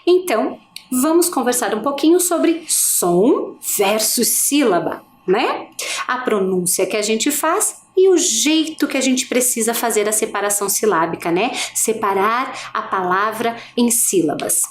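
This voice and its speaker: A woman teacher giving a recorded video lesson. She asks her students questions and slowly draws out each example word. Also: fairly high pitch, animated. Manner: slow, drawn-out pronunciation of example words; asks the class questions and pauses. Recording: echoey room with faint hiss.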